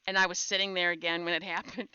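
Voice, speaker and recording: Bright, crisp-voiced woman telling stories. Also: lowish voice, fast talker, no echo, muffled recording. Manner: animated, laughing storyteller. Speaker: stream host. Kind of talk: casual storytelling chat.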